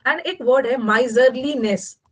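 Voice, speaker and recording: Hindi-teacher woman, higher voice. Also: a little slow, low-quality recording. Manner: mixes Hindi and English, repeats words, quizzes students. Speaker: English vocabulary teacher. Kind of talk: online class lecture.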